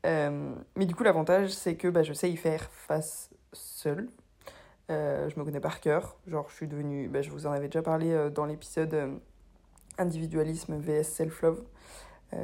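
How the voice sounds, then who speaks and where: A young woman with a hoarse, honking voice after being ill, talking casually and hesitantly about herself as a solo podcast host. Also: deep voice, mellow. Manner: hesitant, rambling, self-deprecating. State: hoarse with a lingering cough after illness. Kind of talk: casual confessional solo talk.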